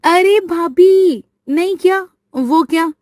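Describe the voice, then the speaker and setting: A woman's voice: very high voice, slow, darkish tone, no echo, clean studio sound, voice pushed up. A woman voicing a cheerful, teasing young sister-in-law who talks in a bubbly, playful way. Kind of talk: storybook voice acting.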